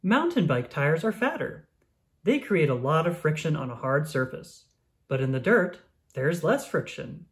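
The narrator's voice is mid-range and relaxed in pace, reading a science book for little ones in a clear and expressive storytelling manner.

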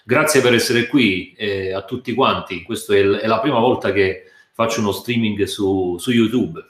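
A man with a fairly low voice talks casually to viewers of his live stream from the sofa at home. He hesitates and restarts sentences, sounding a little nervous. The room around him echoes. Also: moderate pace, a bit bright. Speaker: guitar teacher.

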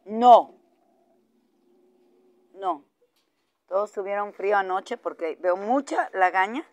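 A woman's voice: medium pitch, smooth. A woman, vlogging in her outdoor dog yard, cooing at and scolding her dogs, then grumbling to the camera. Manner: coos and scolds dogs in a raised voice, grumbles aside. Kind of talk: casual vlog talk.

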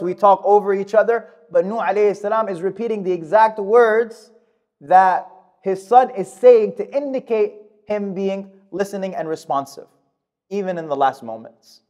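A man in his thirties delivering a Friday sermon in a mosque, speaking at a podium microphone in a measured, emphatic way. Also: fairly high pitch, darkish tone. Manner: measured, emphatic delivery with fast recited Arabic verses. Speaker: khutbah speaker. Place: mosque prayer hall, indoors. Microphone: gooseneck podium mic.

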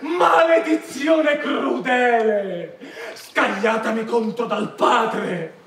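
A man's voice: very high voice, extremely slow, gravelly, a bit bright, heavily acted. A man acting a solemn, grief-stricken royal figure in a classical stage tragedy, declaiming. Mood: horrified, grieving. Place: large outdoor theatre at night. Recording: echoey open-air stage, distant mic, faint noise.

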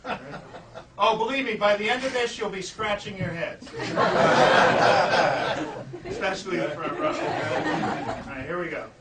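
High-pitched flea circus showman in a noisy room. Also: measured pace, pauses often, over a noisy crowd. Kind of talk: live stage comedy magic act with puns and audience patter. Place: live indoor show before an audience. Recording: noisy, echoey room, distant mic.

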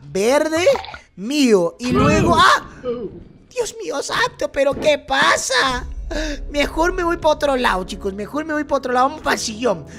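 Excitable man gaming host, high and very animated, exclaiming constantly to viewers. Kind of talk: game playthrough commentary.

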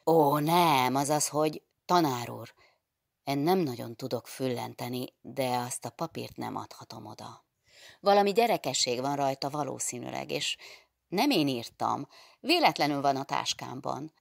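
Egy nő olvassa fel egy ravasz, okos huszonkét éves zárdai diáklány szavait, aki zavartan könyörög. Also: female voice, rumbling low, lively intonation, creaky, no room sound, clean studio sound, heavily acted. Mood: pleading. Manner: pleading, flustered yet clever. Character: composed 22-year-old schoolgirl, clever and sly.

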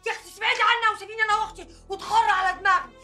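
A woman's voice: very high voice, steady tone, rapid-fire, bright, forceful tone, faint music behind. An actress with an Egyptian Arabic accent playing a defiant young woman who argues fiercely with her family. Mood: angry. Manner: fiery, confrontational.

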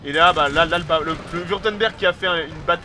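A man casually commentating a strategy game replay, excitable, swearing freely and tagging his sentences with little filler words. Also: on the high side, fast talker, noisy background. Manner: excitable, swears casually, peppers speech with "hein"; hesitant restarts and repeated words.

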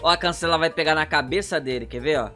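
A young man with a Brazilian accent giving excited, slangy reaction commentary on game clips, exclaiming and repeating short phrases. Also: fairly high pitch, quick pace, faint music behind. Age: young adult. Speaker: gaming reaction video host.

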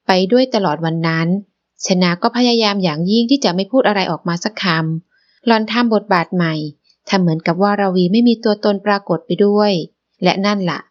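A woman narrating a romance novel as an audiobook, in a measured storytelling manner. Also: mid-range voice, highs cut off.

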